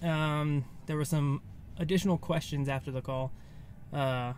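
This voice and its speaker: Sitting in his car, a thirtysomething American vlogger talks to the camera in a relaxed, unscripted recap, loosely worded like he's thinking out loud. His voice is fairly high and darkish, with a steady tone and measured pace, over faint background noise.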